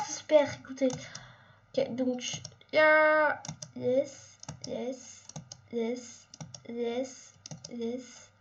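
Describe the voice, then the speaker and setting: A young woman gaming YouTuber gives casual commentary as she plays, chattering nonstop in a high voice and breaking into sudden excited squeals. Her home recording sounds a little dull, with keyboard clicks in the background.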